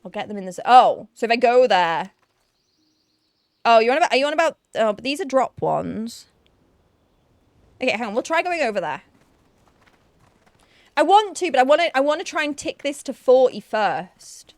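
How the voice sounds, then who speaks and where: Streaming an online game, a young woman from Yorkshire, England, whose accent carries some Newcastle influence, chats and thinks aloud, often self-deprecating and restarting. Her slightly high voice swings widely in pitch at a moderate pace with frequent pauses, on a dry recording.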